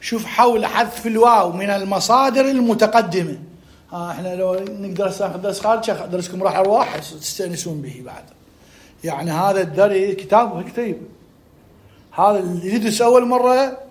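A man's voice: high-pitched, darkish tone. A man with an Iraqi Arabic accent, a seminary teacher giving a grammar lecture, repeating rules and asking rhetorical questions.

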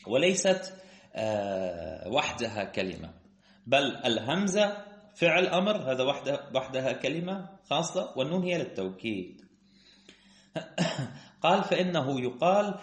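A man's voice: medium pitch, roomy sound. A man teaching classical grammar, explaining step by step, asking rhetorical questions and reading quotes from the text aloud.

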